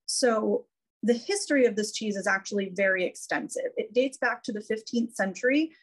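A woman's voice: mid-range voice, moderate pace, slightly rough. A woman giving an informal, educational slide presentation over a video call. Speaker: cheese educator presenting a webinar. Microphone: video call microphone.

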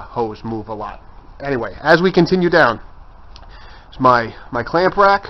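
A man giving a casual walking tour of his cluttered home woodshop, pointing things out as he goes. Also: mid-range voice. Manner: chatty, points things out as he walks. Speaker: woodworker giving a shop tour. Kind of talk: casual handheld walkthrough. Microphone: handheld camera mic. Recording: dull lo-fi camcorder audio.

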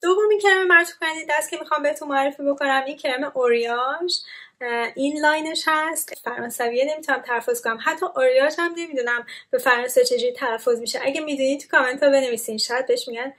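A woman's voice: high voice, fairly bright tone. A young woman giving a casual, explanatory skincare product review with frequent filler sounds. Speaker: skincare content creator.

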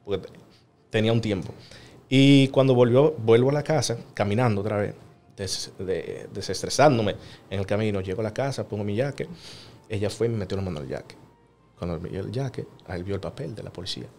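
Fast-talking man. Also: fairly low pitch, a little mellow, faint music behind. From New York-based. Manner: earnest, fast, acts out other people's words while telling the story. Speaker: podcast guest, single father. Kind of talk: casual interview storytelling.

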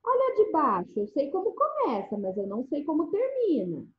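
A high-voiced woman teaches small children, her pitch swooping up and down in a coaxing, sing-song way. The sound is dull and lo-fi, with an echoey room around her. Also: huge pitch swings, normal speed, slight background noise. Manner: sing-song, coaxing, with frequent checks for agreement. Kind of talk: remote first-grade lesson.

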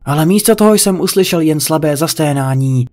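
Male narrator, higher register, reading horror fiction aloud. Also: a little mellow. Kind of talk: creepypasta narration.

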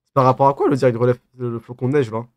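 At a desk in a small, dim room, a man in his twenties races through livestream comments, reading and answering them with casual, teasing slang. His medium-pitched voice stays steady in tone, the recording is dry, and he lisps his s sounds.

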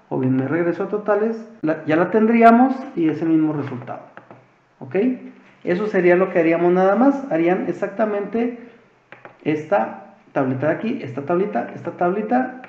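A male teacher with a Mexican Spanish accent walks through the steps patiently, asking the class questions as he goes. His voice sits high for a man. The recording sounds roomy and a little dull. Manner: patient, explanatory, asks rhetorical questions. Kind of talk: screen-recorded spreadsheet tutorial.

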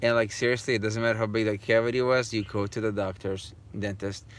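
A man's voice: fairly low pitch, flat delivery, quick pace. A man in his thirties chatting casually and teasingly, filming himself on a phone in a minivan. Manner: teasing, jokey. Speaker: father vlogging with family. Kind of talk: casual joking family chat. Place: inside a moving minivan. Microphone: phone at arm's length. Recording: loud car and road noise.

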